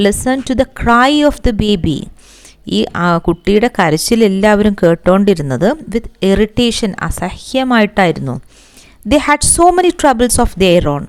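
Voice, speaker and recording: Malayali woman teacher, smooth unhurried voice. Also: mid-range voice. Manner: reads English lines slowly, then explains them in quick Malayalam; asks the class questions and answers them herself. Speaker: English teacher. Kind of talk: textbook lesson, explaining English in Malayalam.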